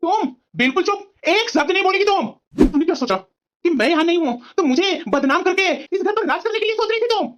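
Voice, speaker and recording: A woman's voice: very high voice, animated, a little fast, muffled recording. A woman voicing a furious young husband. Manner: shouting, scornful. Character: angry young husband, harsh and accusing. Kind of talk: cartoon story voice acting.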